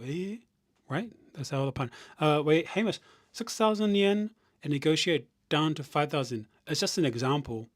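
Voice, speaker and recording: A man of middle pitch rambles through a casual live stream, reading out viewer comments and restarting his sentences often. The sound is dry and close, with keyboard typing now and then behind him. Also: no echo. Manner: rambling, thinking out loud with restarts; reads viewer comments aloud.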